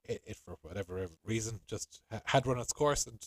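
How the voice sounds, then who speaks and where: A man's voice: lowish voice, brisk, dry recording, clean studio sound. A middle-aged man with a west of Ireland accent, talking conversationally as a podcast co-host. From Galway, Ireland. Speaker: podcast co-host, hotel sales professional.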